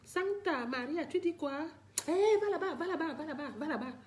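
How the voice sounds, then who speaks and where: A woman's voice: sits high, expressive, moderate pace. Older woman in a pleading live-stream rant. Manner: pleading, repetitive, talks straight to viewers. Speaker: livestreamer addressing viewers.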